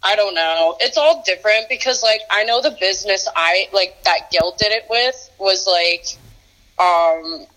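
A woman's voice: medium pitch, measured pace, sharp tone, poor audio. Young woman on a phone speaker. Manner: chatty, fills talk with "like". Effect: heard over a phone on speakerphone. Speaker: daughter calling in. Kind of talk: casual chat.

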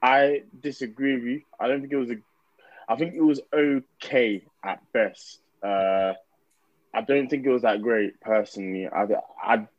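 A podcast host with a London roadman accent chats casually in laid-back, slang-heavy speech. His mid-range voice moves at a normal speed, and the recording is dry and muffled.

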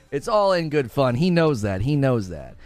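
A man's voice: a little high, a little mellow. A man from Northern Ohio on a live stream, bantering playfully with chat and laughing often. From Northern Ohio, USA. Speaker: gaming streamer.

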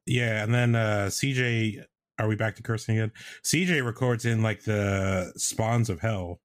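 A man co-hosting a podcast in casual chat, talking in a loose, halting way. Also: fairly low pitch, no room sound, studio quality. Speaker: podcast co-host. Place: indoors at home.

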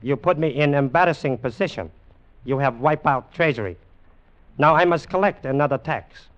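An actor playing a proud, cruel warlord general, speaking clipped, broken English. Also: male voice, fairly high pitch, normal speed, lightly acted. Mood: smooth, cool. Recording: dull lo-fi old film soundtrack.

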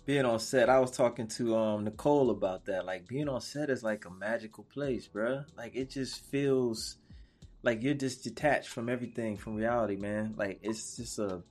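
A man's voice: medium pitch, moderate pace. A man hosting a podcast, chatting casually with a guest in an upbeat, affirming, slangy way. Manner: hype, affirming, slangy, laughs loudly. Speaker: podcast host. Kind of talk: casual interview chat.

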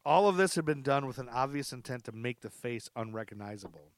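This man's true crime podcast mixes material read from notes with informal, humorous tangents. He speaks briskly and expressively at medium pitch, captured in studio quality with no echo.

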